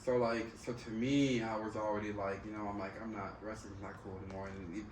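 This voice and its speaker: Picked up by a distant mic in a roomy space with faint background noise, a man talks in a lowish voice, a little fast and flat. His casual, candid chat is full of free swearing and repeated slangy phrases.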